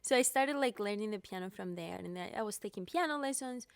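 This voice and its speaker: On this podcast, the guest is a young pianist from Cyprus with a Greek Cypriot accent, whose speech is full of fillers and restarts. She talks quickly and expressively at medium pitch, with a clear, resonant tone. The sound is studio quality with no room sound.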